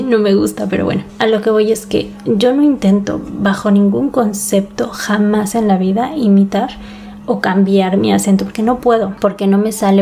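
A woman's voice: mid-range voice, dark tone. A woman in her thirties with a Mexico City Spanish accent, talking candidly to her listeners as a podcast host. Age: 30s. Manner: candid, conversational, talks to listener directly. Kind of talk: casual monologue podcast.

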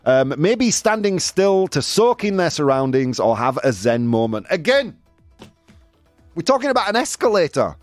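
A man hosts a casual live talk show, reacting to listener comments in an animated, jokey, incredulous way and dropping "dude" throughout. His voice is on the high side at a moderate pace, with no room sound and soft background music.

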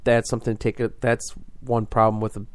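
Rambling man, flat dry delivery. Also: on the low side, a little fast, no echo. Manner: rambling, with many fillers and restarts. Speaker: fishing podcast host. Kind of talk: casual explanatory monologue.

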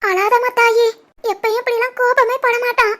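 A woman voicing a squeaky, kindly old cartoon grandmother. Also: fairly even intonation, normal speed. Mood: soothing. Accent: Kanyakumari-Tirunelveli Tamil. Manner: gentle, consoling.

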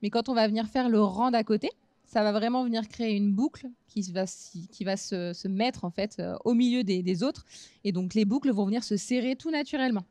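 A woman in her thirties giving a relaxed craft demonstration at a fair booth, talking casually with frequent hesitations. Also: mid-range voice, fairly quick, dry recording. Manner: relaxed, chatty, many hesitant fillers. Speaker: craft instructor. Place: small trade-fair stage booth.

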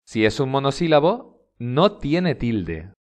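A man's voice: medium pitch, very animated. A man with a Spanish accent from Spain, giving a scripted grammar lesson and stressing each example word. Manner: slow, deliberate, stresses example words. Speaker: Spanish teacher. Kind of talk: scripted instructional narration.

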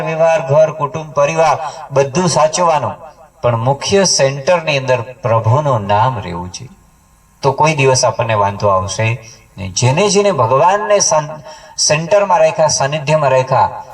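A man gives a devotional storytelling sermon at a memorial gathering in a home. His voice climbs and sinks to stress each turn of the story. He sounds set back from the microphone, with a middle-pitched voice. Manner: story-telling, voice swinging high and low for emphasis. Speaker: devotional speaker. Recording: voice picked up from a distance.

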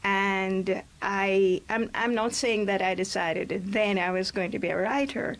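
A woman's voice: mid-range voice, measured pace. An older woman from Jamaica with a Jamaican accent, speaking as a guest in a radio interview in a reflective, chatty way. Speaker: guest poet. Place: small radio studio, indoors. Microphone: studio microphone on a boom arm.

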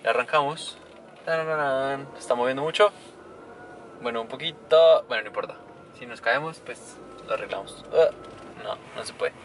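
A young Colombian man vlogs while he drives, joking with his viewers in a casual, chatty way. His voice sits at an ordinary middle pitch. The car engine and street sounds come through clearly under his voice. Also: fairly bright tone. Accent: Colombian Spanish. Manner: chatty, playful, addressing viewers directly. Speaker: travel vlogger. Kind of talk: casual travel vlog. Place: small car while driving, and outdoors in town streets. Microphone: camera mounted on dashboard or held at arm's length. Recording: noisy road and street ambience.

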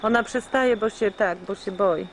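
A woman's voice: mid-range voice, normal speed, noisy background. A woman chatting casually with her family at home, explaining things to the children, heard on an old VHS home video recording through the camcorder microphone. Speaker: mother filming family at home. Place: home, near a lizard tank.

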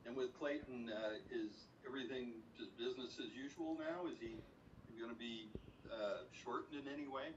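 A man's voice: mid-range voice, normal speed, distant mic, highs cut off, background noise. A man reporter asking brief, direct questions at a press conference.

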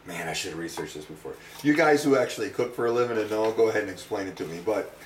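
A man's voice: lowish voice, expressive, fast talker, a little hiss or hum. A middle-aged man hosting a home cooking demonstration, talking casually with wry, self-mocking, rambling asides. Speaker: home cooking show host. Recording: roomy echo, distant mic.

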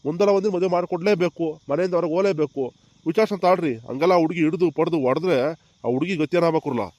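A gentle old village grandfather, played by a man in a cartoon comedy. He talks quickly in a fairly high voice, soothing and reasoning. The sound is close and dry. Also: dry recording, natural voice. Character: kind old village grandfather, calm peacemaker.

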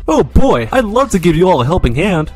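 A man's voice: high-pitched, big pitch swings, fairly quick, music in the background. A man voicing a helpful, cheerful male cartoon object character in a fan animatic. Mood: eager.

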